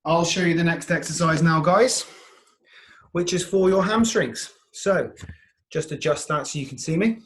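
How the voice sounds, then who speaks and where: Echoey, higher-pitched male workout coach. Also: moderate pace, a bit bright. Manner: short clipped commands, encouraging check-ins. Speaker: fitness instructor. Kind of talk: instructional workout coaching with counts and cues. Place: indoor room, heard from a distance. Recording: echoey room, far from mic.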